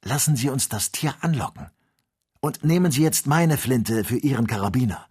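A man's voice: mid-range voice, lively intonation, moderate pace, a little mellow, slightly rough, pitched above the performer's own voice. A man doing an eager, urgent young servant. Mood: cautious. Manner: urgent, warning. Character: loyal young male servant, eager and cautious.

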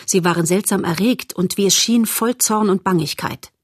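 Husky woman reading a story aloud, low voice, dry close mic, calm. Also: moderate pace, no room sound. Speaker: audiobook narrator. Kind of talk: storybook narration.

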